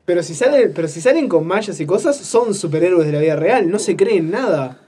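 A man's voice: high voice, expressive, fairly quick, dark tone. A man co-hosting a radio show, joking and cutting in playfully. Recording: off-mic, distant from the microphone.

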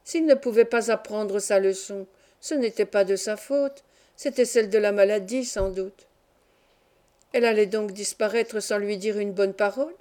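A woman reading a classic novel aloud as an audiobook, in a calm, even storytelling manner. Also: medium pitch, normal speed. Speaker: audiobook reader. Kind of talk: scripted narration of a classic novel.

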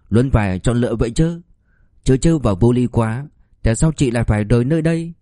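A man narrating an audiobook in a measured, expressive reading. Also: medium pitch, no room sound, studio quality.

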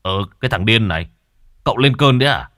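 A man's voice: mid-range voice, lively intonation, quick pace, fairly bright tone, no echo, studio quality, lightly acted. A man voicing a blunt, teasing young male friend in a spoken horror story. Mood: gruff teasing. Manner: blunt and mocking.

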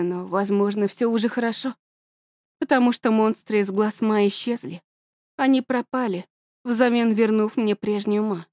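A woman reading a first-person story aloud in a steady, measured way. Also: a little high, no echo, studio quality. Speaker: audiobook narrator.

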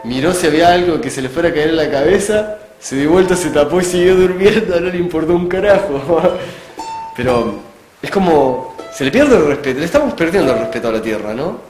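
A man with a Chilean accent hosting a casual radio chat, telling rambling anecdotes in a relaxed, chuckling way. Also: fairly high pitch, fairly quick. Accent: Chilean Spanish. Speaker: radio show host. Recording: echoey room with music behind.

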